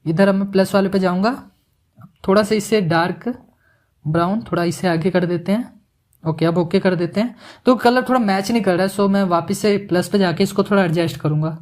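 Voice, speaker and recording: Chatty man teaching animation software. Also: sits high, fairly quick. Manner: chatty, joking asides, mixes English words into Hindi. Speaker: animation tutorial instructor. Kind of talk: casual screen-recorded software tutorial.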